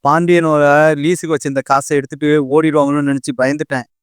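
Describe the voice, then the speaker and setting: A man's voice: fairly high pitch, steady tone, quick pace, clean tone, no echo, studio quality, lightly acted. A man voicing an outspoken young daughter-in-law in a TV serial, accusing and insistent.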